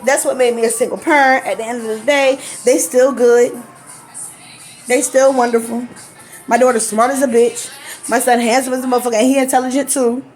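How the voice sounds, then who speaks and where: A woman telling a personal story to camera in a blunt, profane, casual way, laughing often. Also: high voice.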